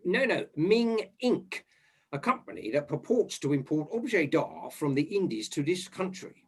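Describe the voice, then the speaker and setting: A dogged, fumbling English police inspector, played by an actor on stage, halting and hemming through polite questions. His voice is husky, with pitch that rises and falls in a lively way. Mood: inquiring. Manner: hesitant, halting, polite formal address. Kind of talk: stage murder-mystery acting.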